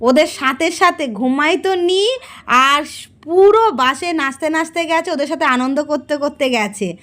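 A middle-aged woman narrates a casual vlog. She speaks in a relaxed, musing way, and her voice sits high. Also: normal speed. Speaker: vlogger.

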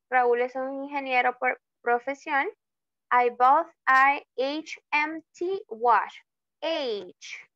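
Slow-spoken woman tutor on a call. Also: high-pitched, fairly bright tone, no echo, muffled recording. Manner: slow, drawn-out example words, frequent checking "¿ok?". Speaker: English tutor. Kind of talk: online class explaining grammar in Spanish. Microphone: video call.

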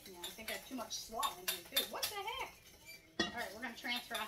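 A woman's voice: on the high side, big pitch swings, fast talker, very noisy. A woman in her thirties hosting a casual home cooking show, chatty and upbeat as she walks through each step in her kitchen. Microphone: camera across the kitchen counter. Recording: echoey kitchen from a distance.

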